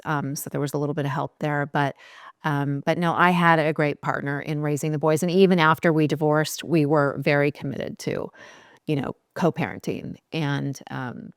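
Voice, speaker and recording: A chatty woman in her forties from California, with a low, smooth voice. She talks casually as an interview guest and laughs easily. The sound is dry and close. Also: dry recording. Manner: chatty, laughing, many fillers. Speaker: guest, skincare founder.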